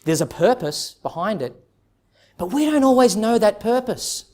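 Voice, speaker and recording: A man's voice: high voice, big pitch swings, moderate pace, darkish tone. A man preaching an expository sermon as a pastor, earnest and emphatic, putting direct questions to his listeners.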